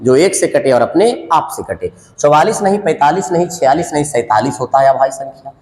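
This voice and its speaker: Lively man teaching math, echoey. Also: a little high, a little fast. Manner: talks through sums aloud in a sing-song counting patter. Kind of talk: exam-prep math lesson. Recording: echoey room with long reverb.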